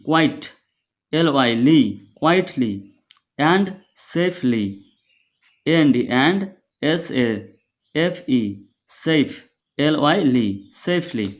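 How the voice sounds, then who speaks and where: A male tutor with a slightly raised voice, talking very slowly and spelling English words out letter by letter. He repeats each syllable and explains its meaning in Bengali, patient and methodical. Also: on the high side. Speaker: English teacher. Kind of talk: spelling and translating an English text.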